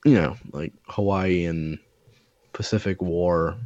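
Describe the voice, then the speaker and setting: Man, very low voice, rambling and profane, dull lo-fi sound, casual chat. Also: fairly even intonation, slow, darkish tone, dry recording. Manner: rambling storyteller, profane, lots of fillers.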